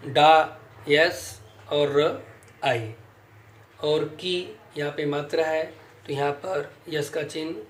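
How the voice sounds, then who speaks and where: Slow male teacher. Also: fairly high pitch, reverberant. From India. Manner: slow, counts syllables aloud and spells sounds out. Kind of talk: slow classroom lecture.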